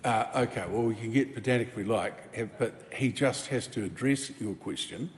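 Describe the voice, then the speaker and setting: A man presides over parliament with terse, offhand calls and rulings. His mid-pitched voice echoes around a big hall. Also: moderate pace. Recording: long chamber reverb.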